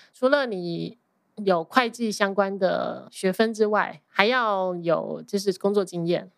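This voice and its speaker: Female podcast guest, Taiwanese Mandarin accent, conversational, English words sprinkled in, average pitch, very little room sound. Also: no echo. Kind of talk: casual conversational interview.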